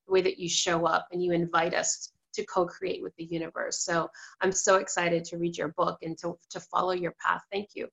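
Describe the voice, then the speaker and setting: A woman's voice: fairly low pitch, little pitch movement, fairly quick, vocal fry, hardly any pauses, fairly bright tone. A woman hosting an online interview, praising her guest effusively. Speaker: host. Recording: dull lo-fi sound.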